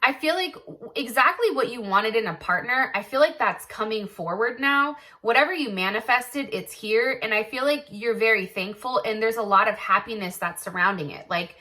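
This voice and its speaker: Bright-voiced, blunt woman reading tarot. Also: on the high side, normal speed. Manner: chatty and blunt, with casual swearing; thinking aloud, full of "like" and "I feel like". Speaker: tarot reader.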